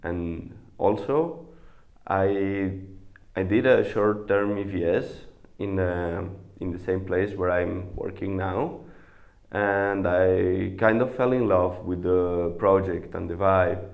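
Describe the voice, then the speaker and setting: Young man with a low gravelly voice. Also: fairly even intonation, phone-quality sound. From Spain. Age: 20s. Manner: halting, many pauses and fillers. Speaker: volunteer. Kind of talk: interview to camera.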